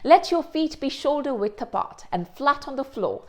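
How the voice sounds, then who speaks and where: A woman hosting a lesson and explaining things clearly, with the odd aside in Hindi. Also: sits high, expressive, moderate pace, darkish tone. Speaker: host. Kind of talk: instructional presentation.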